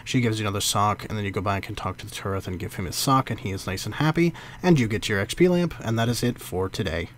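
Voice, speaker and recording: A man's voice: on the low side, lively intonation, fast, slight background noise. A man hosting a casual game walkthrough, talking loosely with many fillers and stumbling over names. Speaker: game guide host.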